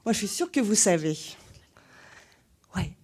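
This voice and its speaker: Animated woman greeting children at a cinema. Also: medium pitch, a little slow, slightly rough. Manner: animated, asks the children questions. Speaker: cinema host presenting a screening to children. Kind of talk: lively talk to young children. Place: cinema hall.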